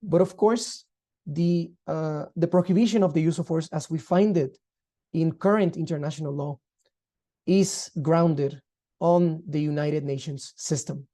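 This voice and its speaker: Very dark-voiced man lecturing. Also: a little high. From Guatemala. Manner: measured, formal, explanatory. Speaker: law lecturer. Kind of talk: online lecture.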